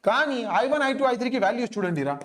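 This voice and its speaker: Racing along in an extremely high, expressive, slightly bright voice, this male physics teacher coaches students for an exam. He has a Telugu Indian accent as a native Telugu speaker, and he solves sums aloud, repeats himself, and quizzes the class with questions.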